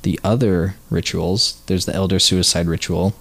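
A man's voice: low-pitched, steady tone, moderate pace, vocal fry, fairly bright tone, husky. A man co-hosting a casual chat, reading trivia notes aloud and sometimes stumbling over words. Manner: reads facts aloud, trips over words. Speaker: podcast co-host.

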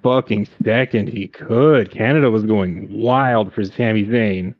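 A man co-hosting a casual podcast, recapping wrestling matches with excitement and plenty of swearing. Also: on the low side, measured pace, dry recording, phone-quality sound. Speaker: podcast co-host. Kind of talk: casual chat.

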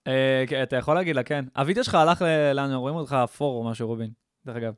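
Young male podcast co-host, slightly low voice, dry close sound, teasing banter. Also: clear, resonant tone, no room sound. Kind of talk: casual banter.

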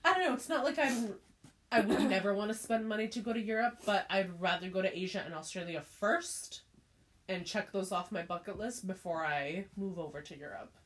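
A woman's voice: medium pitch, brisk. A young woman in casual chat with a friend, laid-back and swearing offhandedly.

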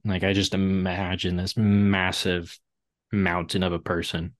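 Deep-voiced man rambling casually. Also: flat delivery, a little slow, no room sound, studio quality. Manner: rambling, lots of "like" fillers. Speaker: podcast co-host. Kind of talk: casual book discussion.

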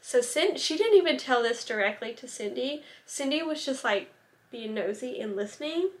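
A woman's voice: sits high, animated, moderate pace. A young woman casually telling a true-crime story, chatty, full of "like" and little asides. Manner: chatty, many "like" fillers and asides.

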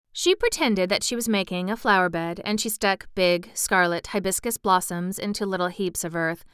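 A woman reads a storybook aloud in an expressive way. Her voice is bright and very clear, at an ordinary middle pitch. The recording is clean and dry, with no room sound around it. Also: no room sound. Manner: expressive reading with brief asides. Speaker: audiobook reader. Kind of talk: storybook narration.

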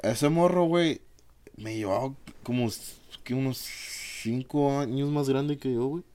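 A man's voice: mid-range voice, a little slow, warm tone, smooth. A man telling rambling fight stories in casual podcast chat, full of slang and fillers. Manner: slangy, rambling, peppered with "güey". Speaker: podcast co-host. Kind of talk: casual storytelling among friends.

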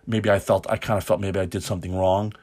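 A man's voice: low-pitched, level tone, fast talker, a little mellow. A man preaching an informal sermon on a podcast, rambling and correcting himself as he goes, often chuckling.

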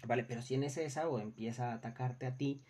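A young man with a Mexican Spanish accent speaks in a dark, mellow voice, chatting frankly about dealing with rude customers. He drops casual swearing and slips into quick imitations of the people in his stories. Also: medium pitch, slight background noise. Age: young adult. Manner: acts out customers and coworkers in quoted voices. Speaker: customer service worker. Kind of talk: casual storytelling monologue.

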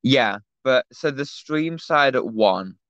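Give me a teenage man chatting casually on a podcast, with a smooth, resonant voice on dull, dry audio. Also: mid-range voice, expressive, slow, fairly bright tone, no room sound. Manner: rambling anecdote with many fillers. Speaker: podcast co-host. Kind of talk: casual chat, storytelling.

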